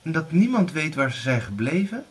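A man doing a shrill frightened young girl. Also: sing-song, moderate pace, slightly rough, exaggerated voice. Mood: worried. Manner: shrill, alarmed. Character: frightened young elder daughter, stubborn.

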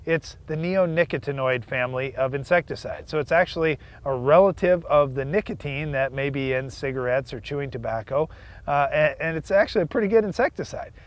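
A man in his thirties from the United States co-hosts a farm show outdoors in a field, speaking fairly quickly in a voice on the high side. Wearing a lapel mic, he explains things step by step in scripted educational talk with small fillers.

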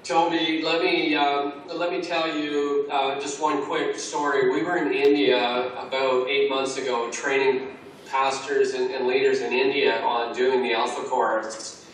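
A man's voice: medium pitch, little pitch movement, a little slow, fairly bright tone, slight background noise. A man being interviewed over a call about a church course, talking earnestly and restarting his sentences often. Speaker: Alpha course trainer, interviewee. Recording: echoey distant call audio.

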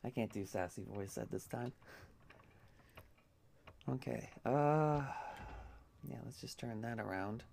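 A man with a groggy morning voice giving casual, relaxed commentary while playing a video game, now and then cursing at the game. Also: fairly low pitch, fairly quick, creaky, few pauses, slight background noise. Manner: relaxed, mumbling, with bursts of swearing.

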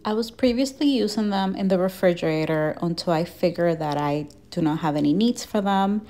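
A woman in her thirties, speaking a little fast in a warm, fairly low voice, vlogs about organizing from her kitchen at home. Her casual to-camera talk and voice-over are chatty and encouraging, and she laughs at her own mess.

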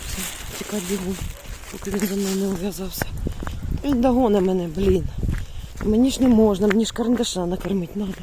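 Woman vlogging outdoors, calling a dog. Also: fast. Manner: calls a dog in high sing-song bursts. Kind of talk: casual vlog narration. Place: outdoors in a village yard. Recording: noisy outdoor recording. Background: animals and rural outdoor sounds.

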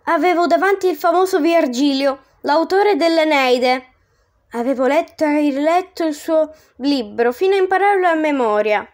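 A woman narrating a story in the first person, reading expressively with dramatic, slowed emphasis. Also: high voice, a little mellow.

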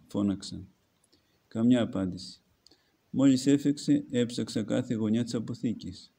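Husky and dark, this man's lowish voice belongs to an Orthodox archimandrite. He delivers a homily by reading a book aloud, stopping between passages to comment.

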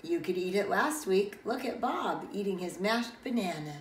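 A woman voicing a patient, weary mother who gently scolds her little daughter in a picture book. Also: mid-range voice, expressive, normal speed, slight background noise, lightly acted. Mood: patient scolding. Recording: roomy, distant mic, faint ambience.

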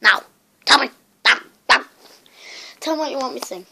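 A woman's voice: high voice, racing, vocal fry, sharp tone. A woman YouTuber chatting casually in a rambling, self-mocking way as she looks back at her old videos. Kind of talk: casual vlog commentary.

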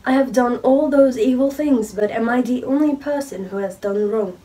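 A young woman with a cold reading a remorseful male creature's lines slowly and carefully. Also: mid-range voice, steady tone, warm tone, recorded from a distance, slight background noise, close to an everyday voice, low-quality recording. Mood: grim. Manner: slow, careful reading aloud. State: sick with a cold.

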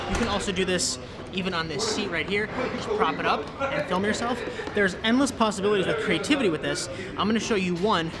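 Fast-talking young man vlogging in a gym. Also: sits high. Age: young adult. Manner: chatty, explains step by step. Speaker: fitness video creator. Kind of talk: casual how-to vlog. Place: large indoor gym. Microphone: camera close up and on tripod.

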